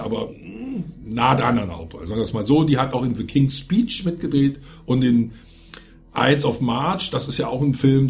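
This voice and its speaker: A man hosts a film review show, delivering casual commentary in a conversational style with opinionated asides. His mid-range voice is creaky with a darkish tone.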